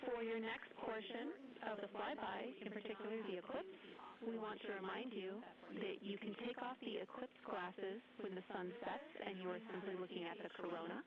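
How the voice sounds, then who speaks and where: A woman's voice: mid-range voice, moderate pace, vocal fry, hardly any pauses. A woman working as capcom, reading clipped, procedural calls to a crew over a muffled mission radio loop. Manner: steady, procedural, reads items in order. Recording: dull radio feed over loud crowd noise.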